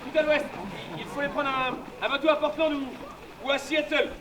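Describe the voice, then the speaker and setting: An actor playing an excitable newspaper editor who talks in a hurried, stammering rush. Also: male voice, very high voice, background noise. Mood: excited.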